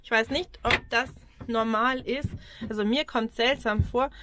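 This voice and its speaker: This vlogger, a woman in her forties speaking with an Austrian German accent, chats openly to her arm's-length action camera while showing around a camper van outdoors. She sounds a little high and steady, taking her time, with frequent ums, small laughs, and background noise.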